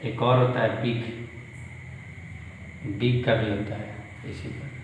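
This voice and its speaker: A male school teacher with a north Indian accent, giving a classroom grammar lesson and slowly repeating each word form in a drill. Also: mid-range voice, level tone. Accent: Hindi-speaking north Indian. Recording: very echoey room with long reverb, faint noise.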